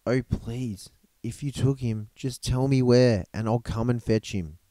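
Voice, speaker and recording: A man's voice: mid-range voice, fairly even intonation, unhurried, dark tone, dry recording, lightly acted. A man voicing a grieving young woman who pleads through sobs in a storybook reading. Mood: pleading. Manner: pleading, sobbing delivery. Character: grieving young woman searching for a lost body.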